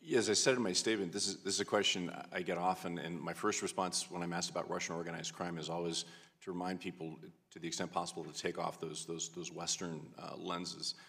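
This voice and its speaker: Deep, gravelly man giving testimony. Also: steady tone, fast talker, a bit bright. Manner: explanatory, colloquial. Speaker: expert witness. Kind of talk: conversational testimony. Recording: reverberant hearing hall.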